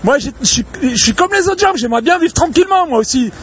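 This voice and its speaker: A man ranting angrily outdoors in a public place, swearing and repeating himself, his voice hoarse from shouting. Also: extremely high pitch, lively intonation, fast talker. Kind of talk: angry outdoor rant to camera.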